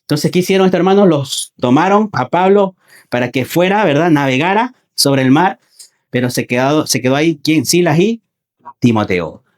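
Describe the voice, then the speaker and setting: A man's voice: fairly high pitch, lively intonation, moderate pace. A man preaching a Sunday sermon in who often repeats phrases, asks the congregation questions and calls them his brothers. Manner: addresses listeners as brothers.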